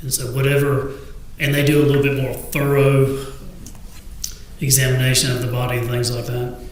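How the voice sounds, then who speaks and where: A man's voice: medium pitch, level tone, normal speed. A man working as an attorney, formally putting leading questions to a witness and asking for confirmation. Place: indoor courtroom. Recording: very echoey courtroom, distant mic, faint noise.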